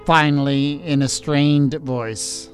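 Male storyteller, calm and deliberate, a little high; faint music behind. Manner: deliberate, calm narration with small stumbles. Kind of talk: dramatic story narration.

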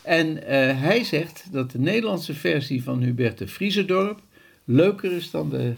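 A man's voice: on the high side, animated, a little slow, vocal fry. An older man, a guest on a talk show, chats hesitantly and often restarts his sentences. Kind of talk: casual chat.

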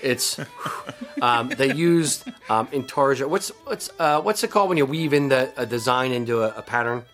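A man's voice: mid-range voice, animated, moderate pace, fairly bright tone, soft background music. A man co-hosting a podcast, chatting casually and telling stories full of ums and teasing asides. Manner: rambling storyteller with frequent ums and teasing asides. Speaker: podcast co-host. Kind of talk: casual chat.

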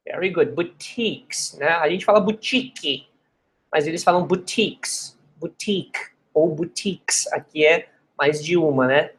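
Slow, patient Brazilian English teacher. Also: mid-range voice, fairly bright tone. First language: Portuguese. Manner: repeats English words slowly to model pronunciation. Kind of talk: bilingual language lesson.

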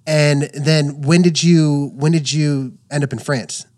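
A man's voice: a little high, fairly even intonation, takes it slowly, darkish tone. A man hosting a podcast, asking long rambling questions full of restarts and fillers. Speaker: podcast host. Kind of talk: casual interview.

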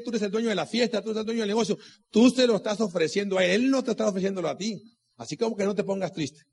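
A husky-voiced man whose voice sits high gives a motivational talk to a live audience at a business meeting. He preaches, poses rhetorical questions, repeats key lines and shares personal anecdotes.

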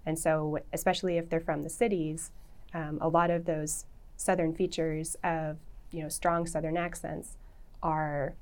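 A woman's voice: low-pitched, flat delivery, a little slow, darkish tone. A woman professor, a guest in an interview, explaining at length in an articulate, lecturing way, thinking aloud with fillers.

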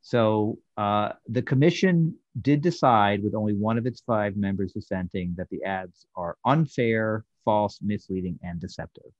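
A man co-hosting a podcast in casual chat, reporting his research in a halting way and correcting himself as he goes. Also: lowish voice, no echo. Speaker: podcast co-host. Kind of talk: casual chat about a TV episode. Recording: dull lo-fi dry sound.

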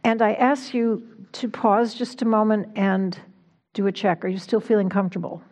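A woman minister delivering a conversational sermon in a reflective, informal way, gently guiding her listeners. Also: medium pitch, flat delivery, moderate pace. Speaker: minister giving a talk. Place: church sanctuary.

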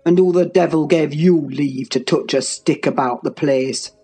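A woman's voice: low-pitched, measured pace, mellow, breathy edge, faint music behind, voice pushed down. A woman voicing a furious, domineering middle-aged man who snarls threats in a dramatic audiobook reading. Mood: savage fury. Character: furious, menacing middle-aged man, savage master of the house.

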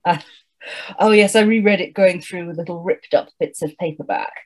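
A woman co-hosting a casual book-chat podcast speaks in a lowish voice at normal speed. Wry and thoughtful, she reads passages aloud with lively relish.

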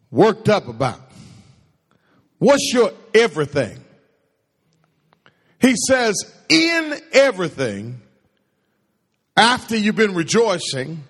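In a church sanctuary with long, echoing hall reverb, a pastor leads a call-and-response sermon. He's male, with a husky voice he labels a baritone, and he speaks slowly and with animation, posing questions to the congregation before answering them.

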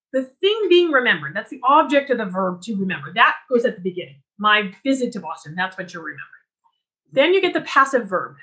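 Lively, bright-voiced woman teaching writing. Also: on the high side. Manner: clear explanatory teaching with frequent restarts. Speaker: writing instructor. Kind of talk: recorded lecture.

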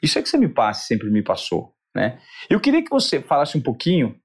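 A man's voice: medium pitch, wildly swooping pitch, fairly quick, breathy edge. A Brazilian man hosting an interview, talking in an enthusiastic, emphatic way. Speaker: interview host. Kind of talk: talk show interview with a sponsor read.

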